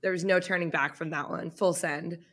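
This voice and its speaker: Her voice is on the low side and a bit bright, with fairly even intonation at a normal speed. An upbeat, chatty Boston podcast co-host in her twenties, she keeps the conversation casual and says "like" a lot.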